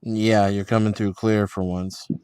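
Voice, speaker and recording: A man's voice: on the low side, flat delivery, unhurried, mellow, clean tone, no room sound. A man chatting casually in a group voice chat, hesitant and wry in manner.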